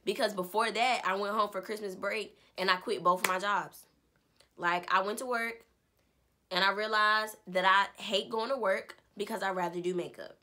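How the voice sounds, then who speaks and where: A young woman in her twenties casually telling an animated story about her life. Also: medium pitch, normal speed. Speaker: vlogger. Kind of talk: story time vlog.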